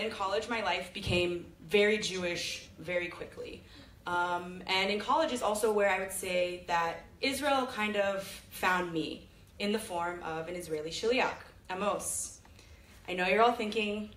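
Filmed on a phone from the audience, a young presenter from Sacramento, California tells chatty, self-deprecating, joking stories into a handheld mic in a big, echoey auditorium. Her voice is mid-range with a fairly bright tone.

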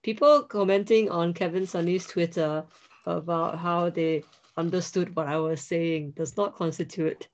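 A woman's voice: on the low side, fairly even intonation, measured pace, darkish tone, dull audio. A woman co-hosting a casual vlog, bantering in a wry, self-deprecating way. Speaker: vlog co-host. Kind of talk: casual chat.

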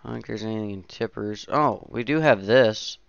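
Fairly low and a little fast, this young man's voice is creaky yet clean, recorded dry through a headset with the highs cut off in a noisy home setting. He's a gaming channel host giving casual let's-play commentary indoors. Slightly sniffly, he rambles, mutters to himself, and is easily surprised.

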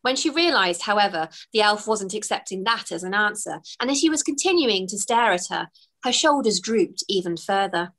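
Reading her children's book aloud from a bookshelf-lined room at home, a woman author narrates with expressive storytelling over a webcam. Her mid-range voice moves at a normal speed.

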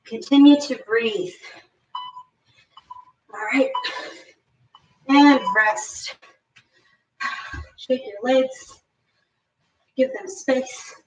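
A woman fitness instructor leading a live workout, giving energetic, encouraging cues and counting reps, a little out of breath. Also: high-pitched, very slow, pauses often. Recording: roomy, distant, dull lo-fi sound.

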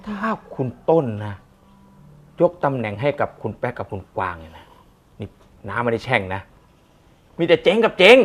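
A man's voice: medium pitch, slight background noise. A man playing a gossipy middle-aged warehouse worker. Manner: chatty, gossiping.

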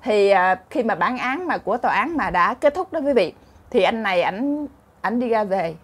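A woman's voice: medium pitch, expressive, normal speed, slightly rough. A woman with a Southern Vietnamese accent telling funny short stories in a chatty way, laughing often and acting out characters. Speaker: storyteller host. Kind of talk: casual comic storytelling.

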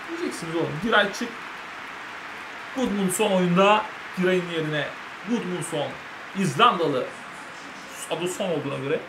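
A young man, a gaming channel host, calling his own football video game match in lively commentary, cheering his players on and shouting at their misses. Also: high-pitched, a little hiss or hum. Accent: Turkish. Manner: shouts in excitement, scolds the players, cheers them on.

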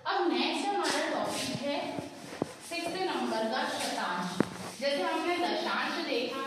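A woman teaching a school math lesson, asking the pupils questions and answering them herself, and slowing down to read numbers digit by digit. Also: sits high, lively intonation, noisy background. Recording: echoey classroom, voice from far off.

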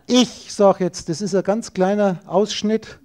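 A man's voice: high-pitched, steady tone, a little slow, warm tone. A man giving an esoteric lecture, emphatic and rhetorical, speaking straight to his listeners.

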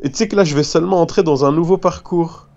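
A man's voice: on the high side, fast, creaky, darkish tone, muffled recording. A man chatting casually and jokingly with a friend as he plays a video game. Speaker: gamer. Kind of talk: casual gameplay chat with a friend.

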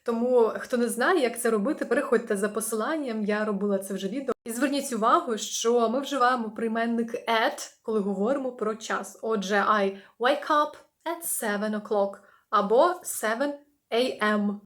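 A young woman from Ukraine, a native Ukrainian speaker, teaching English vocabulary in a lesson, slowing down to model each phrase clearly. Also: on the high side. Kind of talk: language lesson.

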